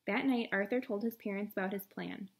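A woman's voice: mid-range voice, brisk, creaky, slight background noise. A woman reading a picture book aloud to children, adding short friendly asides to viewers. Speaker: story reader.

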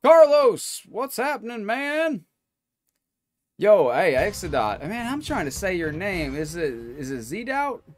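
A man in his late thirties, a gaming streamer, commenting excitedly while he plays and greets his chat, swearing casually. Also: high-pitched, takes it slowly. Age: 30s. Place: home streaming room. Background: loud game music and fight sounds.

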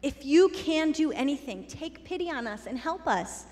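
A man's voice: very high-pitched, expressive, moderate pace, darkish tone, in a large hall. A woman telling a children's story voices a desperate father begging for help for his sick son. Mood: pleading. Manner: pleading.

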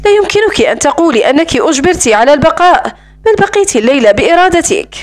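A sarcastic, taunting man who keeps a woman captive and mocks her coolly, read by a woman in her own high voice. His lines come as part of a storybook reading, with little change from the reader's voice. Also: sing-song, fast talker. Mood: mocking. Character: mocking, cold-blooded man holding a woman captive.

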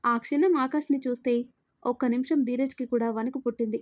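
Woman telling a dramatic story, expressive, bit high voice. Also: brisk, lo-fi sound. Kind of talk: scripted story narration.

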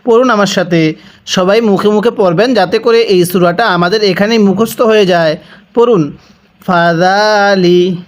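A Bangladeshi man teaching Quran recitation, stretching verses out slowly and repeating them, then explaining rules briskly. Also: sits high. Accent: Bangladeshi Bengali. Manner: drawn-out slow chanting of verses, brisk explanations. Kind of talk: spelled-out recitation lesson.

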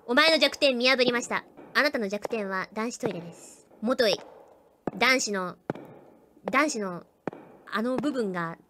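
Jittery, chatty high-pitched woman streamer. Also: background noise. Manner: jittery, chatty, self-mocking. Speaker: streamer playing a horror game. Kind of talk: live game commentary.

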